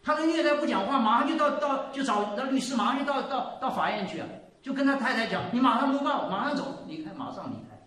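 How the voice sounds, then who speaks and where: A man in his seventies giving a sermon and telling a story, moving between loud exclaiming and quiet asides. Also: very high-pitched, lively intonation, fast talker, recorded from a distance. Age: 70s. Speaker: preacher. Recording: echoey room, voice from off the mic.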